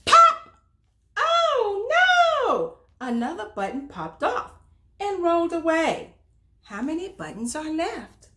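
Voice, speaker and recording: A woman hosts a reading of a children's storybook, speaking expressively and with emphasis straight to her young listeners. Her voice is very high and her pace slow.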